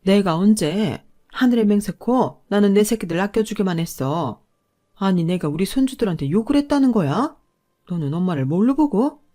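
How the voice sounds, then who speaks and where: A woman's voice: medium pitch, lively intonation, normal speed, hardly any pauses, warm tone, pitched above the performer's own voice, lightly acted. A woman voicing a stubborn, defiant older mother-in-law who insists on her innocence. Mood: indignant. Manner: indignant, insistent denials.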